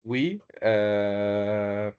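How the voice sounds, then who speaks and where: A man teaching a live online class, talking at a very unhurried pace and repeating each phrase with care. His voice sits in a middle register and comes through a slightly dull, lo-fi computer mic. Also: lowish voice, clear, resonant tone. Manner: slow, repeats phrases and calls on students by name. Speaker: Arabic teacher.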